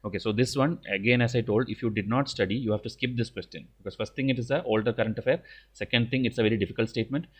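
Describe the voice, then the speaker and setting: Fast-talking Indian man, blunt teacher. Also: medium pitch, breathy edge. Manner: blunt, stern, didactic; repeats "okay" as a verbal tic. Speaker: exam coaching teacher. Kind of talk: informal lecture explaining exam questions.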